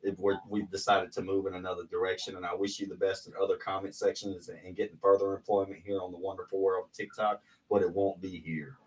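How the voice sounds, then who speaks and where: A man's voice: deep voice, flat delivery, fast talker, few pauses, a little mellow, far from the mic, rough recording. A man in his forties, a podcast co-host, telling candid stories in a rambling casual chat.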